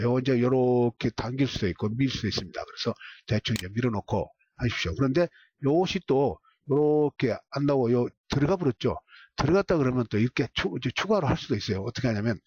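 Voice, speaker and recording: A man teaching a software tutorial step by step, repeating short cues as he clicks along. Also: medium pitch, husky. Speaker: software instructor. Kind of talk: screen-recorded software tutorial.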